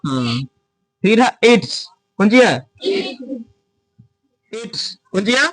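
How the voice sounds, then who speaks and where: A teacher stands before his class and drills them in a slow, repetitive rhythm. He spells words letter by letter and throws questions back at the students for them to answer. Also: high voice, very animated, a bit bright. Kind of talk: classroom lesson.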